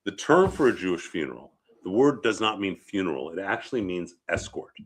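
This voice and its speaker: A rabbi with a head cold, sniffling a little, gives an informal, conversational lecture on funeral customs, often checking in with short questions. His voice is low-pitched, very animated, and a little fast.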